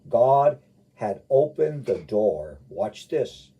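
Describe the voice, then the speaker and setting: A man preaching and teaching the Bible in an informal, folksy, rambling way with emphatic repetition, his husky voice caught in muffled live radio sound. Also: medium pitch, sing-song, extremely slow, warm tone. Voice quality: husky, gravelly.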